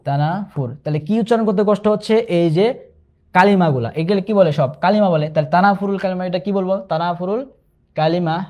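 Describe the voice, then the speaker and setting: Male instructor, fairly high voice, patient online exam-prep lesson, repeats each term. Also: darkish tone. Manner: explains patiently, repeats key terms and asks rhetorical questions; slows to recite Arabic examples.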